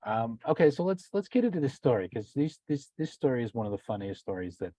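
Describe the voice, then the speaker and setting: A man's voice: medium pitch, sing-song, quick pace, mellow, no room sound. A man hosting a casual podcast interview, setting up questions in a rambling, self-correcting way. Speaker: podcast host.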